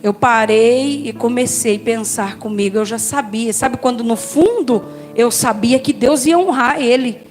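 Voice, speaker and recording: A Brazilian woman pastor giving a personal testimony, telling her story in a lively way and addressing the listeners as brothers and sisters. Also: a little high, measured pace, soft background music. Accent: Brazilian Portuguese.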